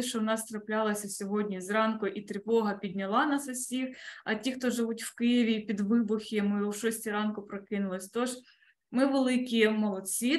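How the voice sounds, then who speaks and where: Earnest woman moderator, high voice. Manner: formal, earnest, with hesitant fillers. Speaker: moderator and event coordinator. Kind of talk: formal closing remarks for an online conference.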